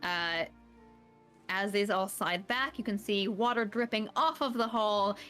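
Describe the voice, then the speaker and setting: A woman's voice: mid-range voice, unhurried, a bit bright, clear, resonant tone, faint music behind. Woman narrating as game master. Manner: descriptive, filler-heavy narration.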